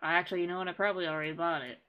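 A woman's voice: fairly low pitch, steady tone, racing, muffled recording. A woman streaming a video game, chatting casually with sarcastic, jokey asides. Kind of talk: casual gameplay chat.

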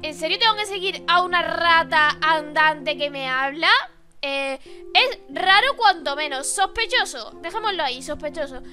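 A woman with a Spain Spanish accent doing let's-play commentary, animated, exclaiming and joking at what happens on screen. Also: very high-pitched, moderate pace, soft background music. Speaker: gaming YouTuber.

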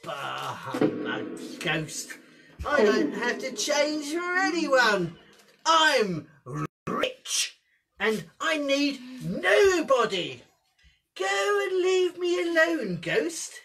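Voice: high-pitched, big pitch swings, very slow, sharp tone, soft background music, full character voice. An amateur actor playing a grumpy, miserly, dismissive old man in a hammy pantomime. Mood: scornful, dismissive. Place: cluttered indoor room, filmed from a distance. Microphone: far camera. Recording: noisy room, distant camera microphone.

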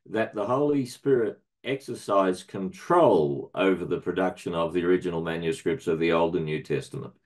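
A middle-aged man reading a prepared academic paper aloud in a measured, formal way, marking each citation with quote and end quote. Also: low voice. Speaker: research centre director presenting a paper.

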